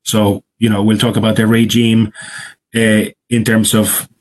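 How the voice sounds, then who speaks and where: A man's voice: fairly low pitch, completely flat delivery, measured pace. A man previewing the next podcast episode, laying out topics methodically. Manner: informative, methodical, uses fillers. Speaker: immigration practice leader, podcast panelist.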